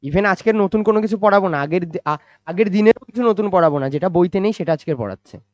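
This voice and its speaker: A man teaches physics in a slow, patient way. He repeats himself and asks his own questions, then answers them. The recording is dry and somewhat muffled. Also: high voice, animated, no room sound. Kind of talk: classroom-style physics lecture. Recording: dry, slightly dull recording.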